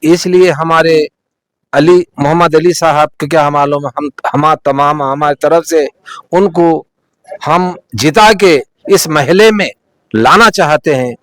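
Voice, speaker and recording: A man's voice: on the high side, a little slow, a bit bright, no echo. A resident man, complaining plainly in a somewhat raised voice. The sound is dry. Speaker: resident interviewee.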